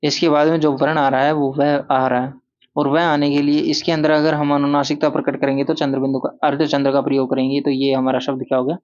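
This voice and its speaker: In this muffled recording, a man teaches Hindi grammar classroom-style, asking his own questions, answering them, and repeating important words. He talks fast in a level, fairly high, slightly dark voice.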